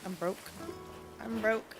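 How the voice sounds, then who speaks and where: With music playing behind her, a sniffly streamer chats casually through a game, thinking aloud as she goes. She speaks slowly in a mid-range voice with fairly even intonation.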